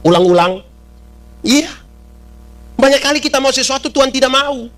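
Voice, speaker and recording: High-voiced pastor preaching to a congregation. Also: male voice, animated, normal speed, fairly bright tone. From East Nusa Tenggara, Indonesia. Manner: asks the congregation questions, acts out voices in dialect. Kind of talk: sermon. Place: church.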